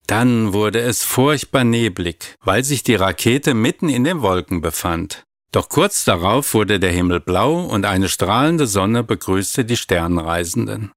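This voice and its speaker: Man, low voice, children's story narration, calm, even, dry. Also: a little slow, no echo.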